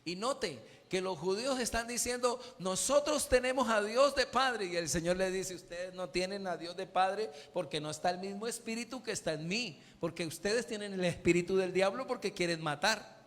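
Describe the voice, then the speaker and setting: Un pastor de voz alta predica en una iglesia con eco largo, haciendo preguntas a la congregación y animándola a responder. Su tono es enérgico y cambiante, y la sala resuena detrás de cada frase. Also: male voice, sits high, normal speed, in a large hall. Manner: questioning the congregation, animated preaching. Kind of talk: sermon. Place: church.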